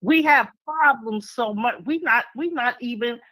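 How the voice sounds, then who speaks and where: A woman's voice: a little high, unhurried, pushed and bright, poor audio. A woman, calling in to a talk show and speaking earnestly, repeating points for emphasis. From New York City. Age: 70s. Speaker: caller. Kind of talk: call-in radio talk. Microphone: phone line.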